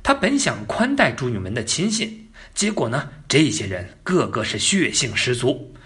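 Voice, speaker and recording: A man's voice: medium pitch, very animated, normal speed, fairly bright tone. A man telling history as a casual story, colloquial and joking, with asides to the listener. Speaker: narrator.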